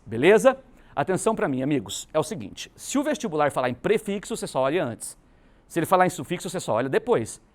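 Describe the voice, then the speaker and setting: A Brazilian man teaching a grammar lesson for exam prep, emphatic and constantly checking in with his students. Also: high voice. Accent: Brazilian Portuguese.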